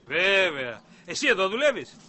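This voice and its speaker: A chatty, prying country visitor in a sitcom. His voice is high and very bright. He pushes his questions with a friendly, jovial manner. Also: sing-song, slight background noise, full character voice. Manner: nosy, jovial. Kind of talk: sitcom acting.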